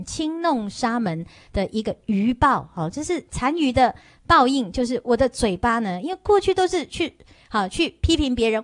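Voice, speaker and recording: A woman's voice: a little high, no echo. A Buddhist nun giving a sermon, telling a story, tagging her phrases and putting questions to listeners. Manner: storytelling lecture with frequent "hao" and "ha" tags. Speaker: Buddhist nun teaching a sutra.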